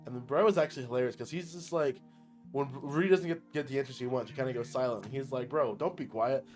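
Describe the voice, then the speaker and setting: Excitable young man recapping anime. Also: mid-range voice, fast talker, soft background music. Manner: excitable, slangy, laughs often. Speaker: anime reviewer. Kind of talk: casual recap commentary.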